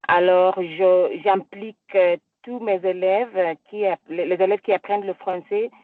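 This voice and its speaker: A woman's voice: lowish voice, steady tone, normal speed, no room sound. A woman teacher speaking hesitantly with many fillers while joining a webinar over a video call. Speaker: French teacher, participant. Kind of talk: webinar contribution. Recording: tinny, dry video-call line.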